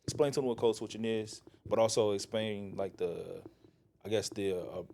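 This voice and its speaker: Low-voiced male podcast host, halting delivery. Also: fairly even intonation, gravelly, dark tone, slight background noise. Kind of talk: casual interview.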